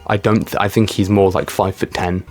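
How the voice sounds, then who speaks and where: A man's voice: deep voice, little pitch movement, moderate pace, soft background music. A young man from Britain giving casual, sarcastic commentary as he reads comments aloud and mocks what he finds. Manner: sarcastic, mocking, swears freely. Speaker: YouTube commentary creator.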